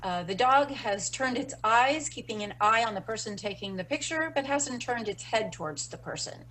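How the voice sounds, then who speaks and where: A woman's voice: a little high, animated, normal speed, fairly bright tone, a little hiss or hum, rough recording. A woman teaching a dog handling webinar in a loose, explanatory way with frequent ums. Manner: explanatory, many fillers. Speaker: dog training instructor. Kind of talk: webinar lesson.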